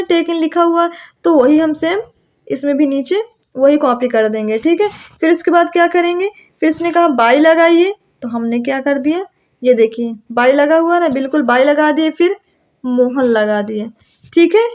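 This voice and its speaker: A young woman teaching an English grammar lesson, asking questions and answering them herself, stretching out her example sentences slowly. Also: high-pitched, a little mellow.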